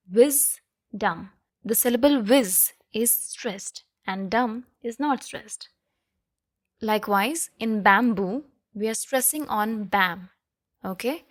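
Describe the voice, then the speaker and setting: A woman's voice: a little high, dry recording, clean studio sound. A woman teaching a lesson and checking in with listeners with frequent "okay?" and "right?". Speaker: literature teacher. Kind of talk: explanatory lesson.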